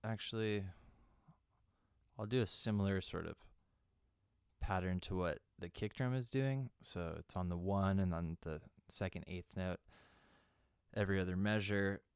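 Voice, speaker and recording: Low, smooth-voiced man explaining synth settings. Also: unhurried, long pauses, no room sound, studio quality. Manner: loose and conversational, many fillers. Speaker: music producer teaching synth sound design. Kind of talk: casual software tutorial.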